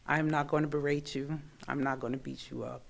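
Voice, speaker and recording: Gravelly-voiced mother pleading at public comment. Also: extremely low pitch, fairly even intonation. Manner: earnest, emotional, halting. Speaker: parent speaking at public comment. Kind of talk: public comment at a school board meeting.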